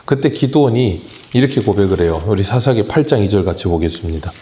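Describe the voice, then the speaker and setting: Low, mellow-voiced male pastor preaching. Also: expressive, fast talker, a little hiss or hum. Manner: conversational preaching, explaining scripture plainly. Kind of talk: early-morning sermon.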